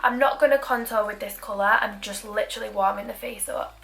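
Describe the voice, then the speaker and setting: A young Mancunian beauty vlogger talks through a makeup tutorial, dropping self-deprecating asides along the way. Her medium-pitched voice is brisk and a bit bright, with some vocal fry.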